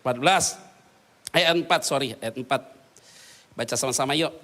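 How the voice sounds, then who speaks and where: A man preaching a lively sermon in a church, animated and joking, with casual slang and acted-out quotes. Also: mid-range voice, normal speed. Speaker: pastor.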